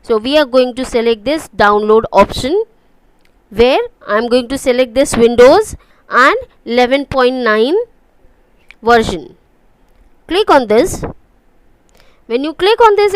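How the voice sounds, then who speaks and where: A woman's voice: high-pitched, clear, resonant tone, dry recording, low-quality recording. A woman with an Indian English accent teaching an online computer class, explaining step by step and often checking "okay?" with her students. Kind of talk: online lecture.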